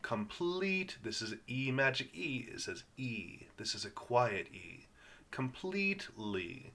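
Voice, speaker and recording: A man teaching English reading to learners, sounding out words patiently and repeating them in a slow guided lesson. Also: medium pitch, very animated, vocal fry, pushed and bright, slight background noise.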